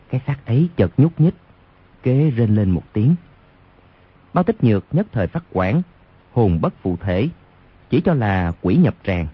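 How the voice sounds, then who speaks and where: On a lo-fi radio recording, a man expressively reads a martial arts novel as an audiobook. His voice is mid-range and slightly rough.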